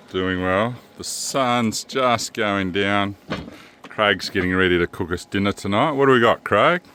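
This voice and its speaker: A man hosting a casual camping vlog at an outdoor campsite, relaxed and jokey, laughing often. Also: fairly low pitch, slight background noise. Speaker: caravan vlog host.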